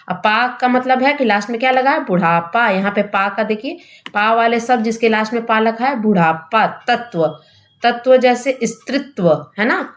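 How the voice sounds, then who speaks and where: A woman teaching a grammar lesson for exam prep, at an ordinary middle pitch. She keeps asking questions and answering them herself, tags a checking question onto most points, and slows down to say each example word. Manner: slows down to spell out example words.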